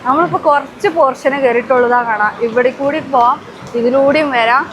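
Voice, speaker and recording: High-pitched woman vlogging over outdoor noise. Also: brisk. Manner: exclamatory, mixes English words into Malayalam. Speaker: travel vlogger. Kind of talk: casual spoken vlog commentary. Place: mostly outdoors on a trek. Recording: noisy outdoor recording with vehicle-like rumble.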